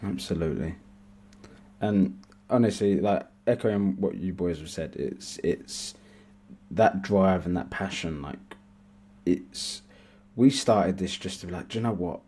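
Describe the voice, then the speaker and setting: A man's voice: low voice, unhurried, darkish tone, husky. A young man co-hosting a casual podcast, speaking earnestly and reflectively. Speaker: podcast co-host.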